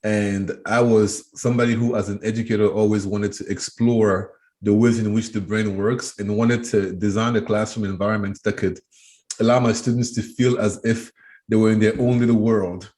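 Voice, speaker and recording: A Cameroonian man in his thirties, an education trainer, is a guest in an interview conversation. His voice sits on the low side with a steady, darkish tone and a moderate pace. He answers thoughtfully, often restarting and repeating words as he thinks.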